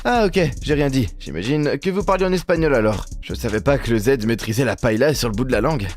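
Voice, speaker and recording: Speaking quickly and expressively at a medium pitch, a male video host narrates humorous scripted voice-over commentary. He teases viewers and addresses them directly with mock indignation.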